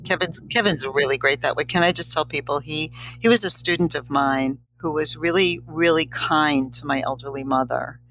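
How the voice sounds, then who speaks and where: An older woman with a hoarse, strained voice, talking conversationally as an interview guest. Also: low-pitched, normal speed, few pauses, fairly bright tone, a little hiss or hum, rough recording. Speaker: podcast guest, college teacher.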